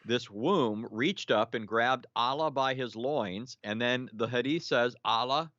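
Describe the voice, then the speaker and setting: A man's voice: mid-range voice, a little slow, a bit bright, no room sound, muffled recording. A man explaining at length on a live online show, lecturing with many fillers, restarts and a questioning "right?".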